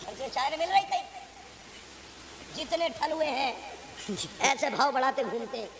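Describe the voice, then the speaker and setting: A male imam with a north Indian Urdu accent preaching a sermon, who tells stories and asks pointed rhetorical questions. He moves between quiet, chatty asides and loud, forceful exhortation. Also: very high voice, expressive, a little hiss or hum. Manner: emphatic, swings from soft asides to loud exhortation; conversational storytelling with rhetorical questions. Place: religious gathering before a live audience. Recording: live gathering with audible crowd.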